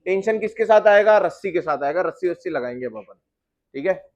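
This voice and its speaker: A man's voice: high voice, lively intonation, fairly quick, lo-fi sound. A male physics teacher giving a classroom lecture, often asking his students questions and calling them "beta".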